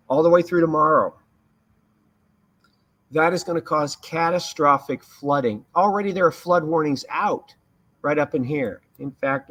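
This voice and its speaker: Higher-pitched man giving live hurricane commentary. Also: fairly bright tone. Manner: emphatic, explanatory, repeats key points. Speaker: severe weather livestreamer.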